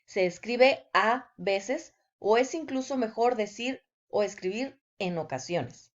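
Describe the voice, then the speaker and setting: A woman, giving a scripted language lesson in a deliberate way, with example sentences. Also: fairly high pitch, animated, lo-fi sound. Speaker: language teacher.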